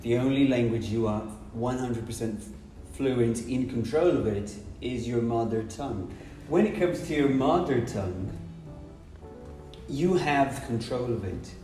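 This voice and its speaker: A man's voice: mid-range voice, unhurried, mellow. Male teacher, emphatic explainer, roomy sound with music underneath. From Brazil. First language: Portuguese. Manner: emphatic, explanatory, speaks in short repeated phrases. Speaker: English teacher. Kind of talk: podcast conversation. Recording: roomy, distant mic, music behind.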